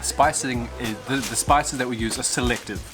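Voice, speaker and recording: A young man in casual vlog chat, relaxed and chatty, talking while tasting food. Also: medium pitch, moderate pace, music in the background. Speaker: travel vlogger.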